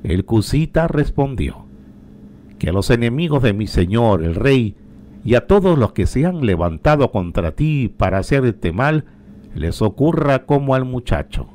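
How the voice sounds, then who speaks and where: A man reading scripture aloud in a slow, solemn way, lifting his voice for the quoted cries. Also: mid-range voice, very animated, a little mellow, a little hiss or hum. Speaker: liturgical reader.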